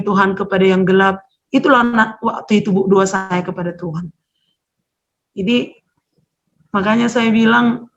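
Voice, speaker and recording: A woman's voice: fairly high pitch, a bit bright, lo-fi sound. A woman sharing a personal testimony in casual talk, earnestly retelling her prayers. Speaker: church member sharing testimony. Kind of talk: casual testimony over a call.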